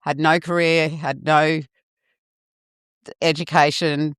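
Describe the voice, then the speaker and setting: Taking it slowly, a middle-aged woman speaks in a deep, smooth, level voice, recorded at studio quality with no room sound. Born in Fiji, raised in New Zealand and a first-language Fijian speaker, she chats casually as a podcast guest, laying out her life story frankly and swearing along the way.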